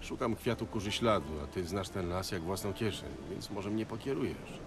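An actor playing a weary, stoic monster hunter in a video game, speaking in a dry, matter-of-fact way. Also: male voice, lowish voice, normal speed, background noise, lightly acted. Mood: dry, calm.

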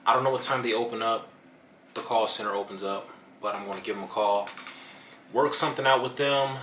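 A man in his thirties with a Chicago accent, chatting casually to the camera in a relaxed vlog from inside a car. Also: fairly low pitch, fairly quick. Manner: relaxed, chatty, says "finna" and "you know". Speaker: vlogger. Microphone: camera on the dashboard. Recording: car interior with road noise.

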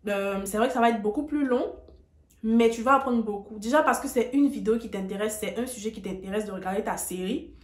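A woman's voice: on the high side, brisk, roomy sound. A woman giving a casual video lesson, talking straight to her viewers in an emphatic, direct way. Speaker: English tutor on video.

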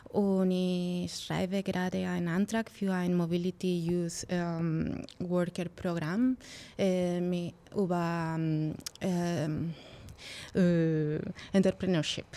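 A woman introducing her work haltingly, searching for words, speaking into a handheld microphone in a meeting room. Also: lowish voice, flat delivery, warm tone. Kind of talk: workshop self-introduction. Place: bright office meeting room. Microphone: handheld mic.

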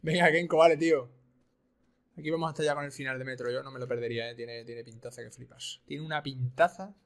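A man commentating a video game, excitable and repeating his phrases. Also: medium pitch, quick pace. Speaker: streamer. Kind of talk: gaming commentary.

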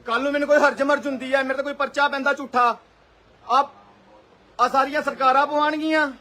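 A man's voice: very high voice, level tone, fairly quick, bright, forceful tone. A young man, pleading and protesting to police as he streams live on his phone outside his house. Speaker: local party worker being detained. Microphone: phone held in hand.

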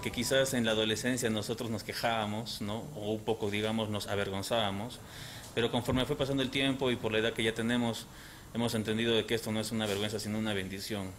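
A man's voice: on the low side, steady tone, quick pace. A man in his thirties from Peru, a restaurant cook, talking reflectively in an interview with hesitant restarts, speaking through a face mask. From Arequipa, Peru. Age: 30s. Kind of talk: casual interview. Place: restaurant kitchen, indoors. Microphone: handheld reporter mic, face mask on. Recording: interview with music underneath.

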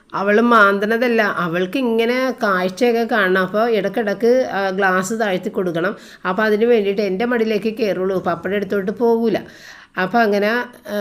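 A middle-aged housewife chatting casually to her viewers while riding in a car, with drawn-out filler sounds and frequent asides to the audience. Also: mid-range voice. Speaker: vlogger and housewife. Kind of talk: casual vlog narration. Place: inside a car on a road trip.

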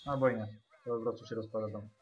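A man's voice: fairly low pitch, fairly even intonation, fast talker, muffled recording. A man giving casual, muttered, sweary gameplay commentary. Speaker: gamer. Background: game music.

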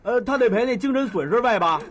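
A man's voice: very high-pitched, lively intonation, fast talker. An actor playing an aggrieved, combative young man, rattling off demands for compensation in a TV drama. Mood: indignant. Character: hot-headed young man defending his mother. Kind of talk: TV drama acting.

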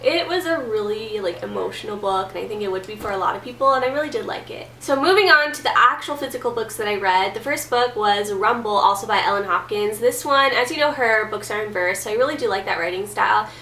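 A twenty-something book vlogger with a cold-stuffed voice talks fast and animatedly from her bedroom, with few pauses and lots of "like" and "um." Her mid-range voice has a sharp tone. The camera mic sits at a distance, making the audio roomy with a faint hiss.

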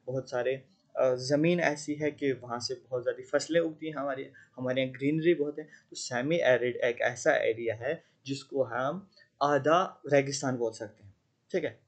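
A man's voice: mid-range voice, normal speed. A man teaching an exam-prep geography lecture, often checking whether students follow. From Jammu and Kashmir. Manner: conversational Hindi teaching with English terms, frequent checking questions.

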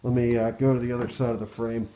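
An American man talking through a respirator mask, muffled, giving a casual hands-on how-to in a halting, plain-spoken way. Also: mid-range voice, flat delivery, very noisy. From Pennsylvania, US. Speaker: DIY truck restorer. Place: cluttered workshop, indoors.

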